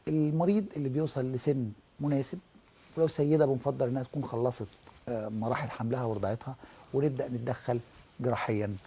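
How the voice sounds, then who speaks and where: A middle-aged Egyptian man explains things at a rapid clip, like a doctor on a television health show. His voice is dark and a little husky. He walks through cases one by one and acts out small examples. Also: mid-range voice, steady tone. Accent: Egyptian Arabic. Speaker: ENT professor and guest doctor.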